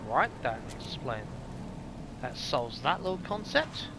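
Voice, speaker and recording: A man's voice: mid-range voice, big pitch swings, slow, background noise. A man giving casual, sarcastic let's play commentary on a video game, thinking aloud. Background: game music and sounds.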